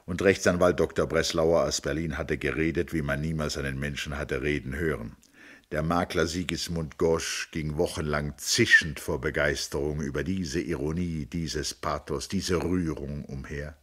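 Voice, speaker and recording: A man reading a classic novel aloud in a measured storytelling manner. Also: extremely low pitch, fairly even intonation. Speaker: audiobook reader. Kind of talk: audiobook narration of a classic novel.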